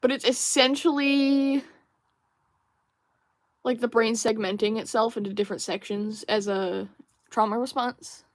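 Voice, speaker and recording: A woman's voice: a little high, fairly even intonation, measured pace, long pauses, no echo. A young woman hosting a casual livestream while drawing, musing and rambling with many fillers and restarts while she reads viewer chat aloud. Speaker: livestream host.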